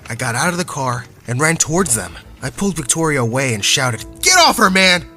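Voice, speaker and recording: A man's voice: medium pitch, expressive, brisk, bright, forceful tone. Young man narrating a dramatic story. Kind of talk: scripted first-person story narration. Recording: faint background music.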